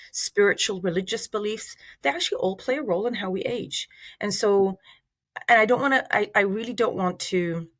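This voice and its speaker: A middle-aged woman from Iraq, a researcher giving measured, thoughtful interview answers with fillers and restarts. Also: mid-range voice, a bit bright. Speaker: researcher guest.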